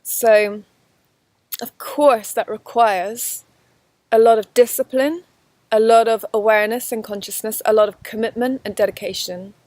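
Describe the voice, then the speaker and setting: Outdoors in a forest, a spiritual teacher gives a course lesson, talking earnestly to a camera facing her in a flowing way, with many restarts and soft laughs. Her voice is on the high side with fairly even intonation, a little slow, and there's no echo.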